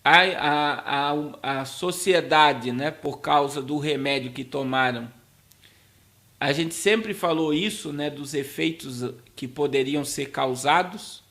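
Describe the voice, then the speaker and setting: A man with a Brazilian Portuguese accent gives informal commentary to viewers as a pastor, in a halting way that repeats words. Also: a little high, a bit bright. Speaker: pastor hosting a talk show.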